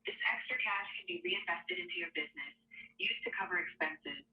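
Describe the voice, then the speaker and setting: A woman's voice: fairly low pitch, fairly quick, a little hiss or hum. An AI finance coach with a woman's voice, heard over a speakerphone, answering in a fluent, upbeat, helpful way. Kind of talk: scripted assistant answers. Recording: dull lo-fi phone speaker sound.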